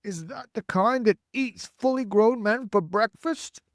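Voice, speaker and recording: A man's voice: very high voice, animated, slow, no room sound, clean studio sound, pitched above the performer's own voice, full character voice. A man voicing a blustering, alarmist male chief of police in a storybook, bossy and exclamatory. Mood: alarmed. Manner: loud, bossy, panicky exclamations. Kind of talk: storybook character acting.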